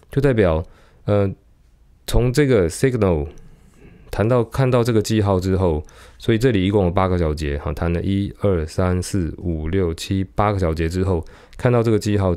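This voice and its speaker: A man's voice: low-pitched, warm tone, smooth. A man teaching how to read a sheet of music, explaining patiently step by step, counting beats aloud and scatting through passages.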